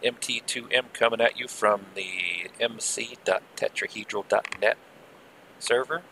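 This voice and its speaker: A man giving casual, rambling live gameplay commentary with muttered asides, heard through low-quality stream audio from an old headset. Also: a little slow, creaky, pushed and bright, slight background noise. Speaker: game server streamer.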